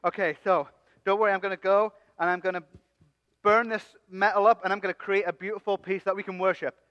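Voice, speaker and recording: Man acting as cocky jokey Aaron, high voice, dull sound, long hall reverb. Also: little pitch movement, fast talker, lightly acted. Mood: playful scheming. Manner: joking, coaxing the crowd. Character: Aaron, a cocky, playful male leader. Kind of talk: comic church skit acting.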